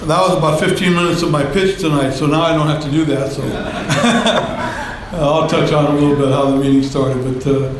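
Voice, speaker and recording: In a meeting room, an older man holds a handheld microphone and tells his story at a recovery meeting, rambling and folksy with plenty of fillers. His voice is on the high side, steady in tone and moderate in pace, against a noisy background.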